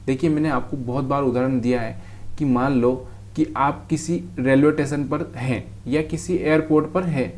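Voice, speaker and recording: A man's voice: medium pitch, fairly even intonation, normal speed, darkish tone. A man teaches trading over a chart in a casual, direct way, calling the viewer brother. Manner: talks straight to the viewer, calls them brother.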